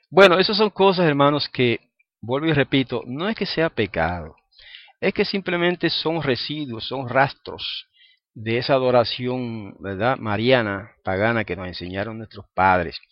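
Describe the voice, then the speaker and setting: A man's voice: medium pitch, animated, a little slow, no room sound, lo-fi sound. A man preaching an informal sermon to a congregation, constantly checking in with the listeners and chuckling now and then. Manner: conversational, asks the listeners "¿ah?" and "¿verdad?" often; chuckles between points.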